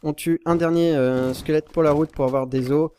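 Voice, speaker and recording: A man's voice: a little high, steady tone, moderate pace, warm tone, clear, resonant tone. Chatty man narrating his gameplay. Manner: chatty, rambling, with sudden panicked yelps. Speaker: Minecraft YouTuber. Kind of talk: casual gameplay commentary.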